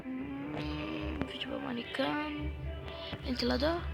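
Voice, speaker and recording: A woman with a Brazilian accent, hoarse and stuffy-nosed, thinking aloud as she guesses through a quiz game, with mild swearing. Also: high-pitched, flat delivery, slow pace, over loud music. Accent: Brazilian Portuguese. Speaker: gaming channel host. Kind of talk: casual gameplay commentary.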